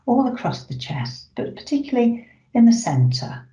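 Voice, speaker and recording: A meditation guide leading a breathing exercise in a soft, slow, soothing voice, with long pauses and moments that sink toward a whisper. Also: mid-range voice, big pitch swings. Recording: roomy, slightly dull recording.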